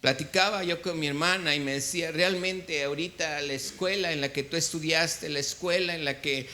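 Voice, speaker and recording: A Mexican pastor preaches in church with a bright, tense edge to his fairly high voice. He keeps throwing questions at the congregation and waiting for them to answer back. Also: steady tone, normal speed. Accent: Mexican Spanish. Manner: quizzes the congregation, call-and-response. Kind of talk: sermon.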